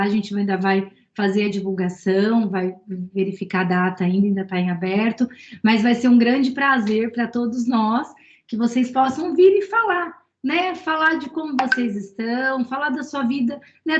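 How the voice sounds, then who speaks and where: A woman speaking earnestly and a bit hesitantly in an online meeting, often checking in with her listeners. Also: fairly high pitch. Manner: earnest, hesitant, many fillers. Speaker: student association member. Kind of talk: casual online meeting talk. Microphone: video call. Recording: echoey, muffled video call audio.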